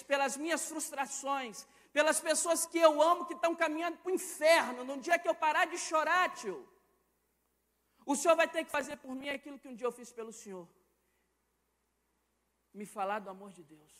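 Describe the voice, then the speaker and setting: High-voiced Brazilian preacher in a big hall. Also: male voice. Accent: Brazilian Portuguese. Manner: impassioned, swings between loud and hushed. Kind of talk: sermon. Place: large church hall. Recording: reverberant church hall.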